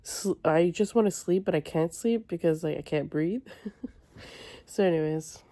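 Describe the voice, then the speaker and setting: A woman's voice: fairly low pitch, unhurried, warm tone, no room sound. A woman chatting casually in a vlog, sounding weary, groggy and stuffed up with a cold. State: sick with a cold and stuffy nose. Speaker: book vlogger.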